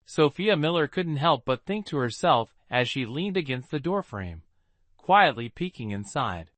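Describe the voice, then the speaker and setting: A man narrates a story in a steady, expressive reading. His pitch moves lively through each phrase. The sound is close and dry, with no room echo. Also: measured pace.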